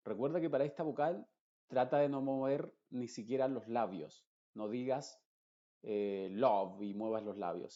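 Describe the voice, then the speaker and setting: A man teaching English pronunciation in Spanish, slowly repeating example words and contrasting wrong and right vowels. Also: mid-range voice, warm tone, highs cut off. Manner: slow, drilled word repetition with contrasts. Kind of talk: pronunciation lesson.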